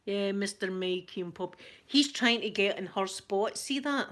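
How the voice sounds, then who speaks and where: A woman's voice: mid-range voice, unhurried. A woman with a broad Glaswegian Scottish accent hosts a casual live stream, reading out viewers' names and answering them. She chats in a rambling, friendly way, often stopping to restart a sentence. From Scotland. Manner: chatty, warm greetings to viewers, frequent laughs and self-interruptions. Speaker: ASMR channel host reading live chat.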